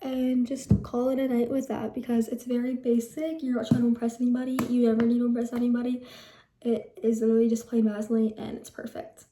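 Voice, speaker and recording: Her delivery is flat and a little fast, with a slightly high pitch and a dark tone, all in an echoey room. She's a teen vlogger casually rambling about her skincare routine and often correcting herself, a Telugu heritage speaker whose first language is English.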